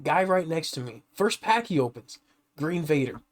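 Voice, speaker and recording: A man co-hosting a casual gaming podcast, telling stories animatedly and jumping high when he acts out reactions. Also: very animated, moderate pace. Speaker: podcast co-host.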